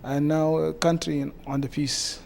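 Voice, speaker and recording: Interviewed as a guest, a community association president with a South Sudanese accent hesitates a lot, his answers coming out in halting bits. A slight hiss or hum underlies his fairly high, level voice, which has a mellow, gravelly texture.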